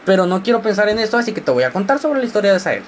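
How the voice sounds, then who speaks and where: A man's voice: sits high, big pitch swings, a little hiss or hum. A sixteen-year-old boy with a mixed Mexican accent, telling rambling, self-mocking stories in a casual podcast monologue. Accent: Mexican, mixed regional. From northern Mexico. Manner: rambling, jokey and self-mocking, quick shifts of tone. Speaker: podcast host.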